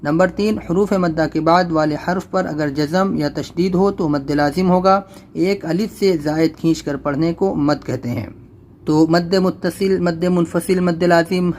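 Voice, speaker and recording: A man teaching Quran reading, spelling out each letter and vowel slowly and drawn out, then explaining the rules in quick everyday speech. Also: fairly high pitch, slight background noise. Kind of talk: spelled-out recitation lesson.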